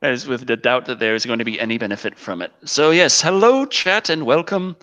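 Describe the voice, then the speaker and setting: A man's voice: medium pitch, lively intonation, a little fast, sharp tone. A man hosting a livestream over a headset mic, joking at his own expense and tripping over viewers' names. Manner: joking, self-mocking, trips over names. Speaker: livestream host. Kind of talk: casual livestream chat.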